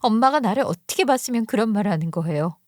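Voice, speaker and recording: A woman's voice: mid-range voice, lively intonation, quick pace, a little mellow, no room sound, clean studio sound, lightly acted. A woman voicing a defiant young woman who bitterly accuses her own mother, her voice raised and hurt. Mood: bitter, accusing.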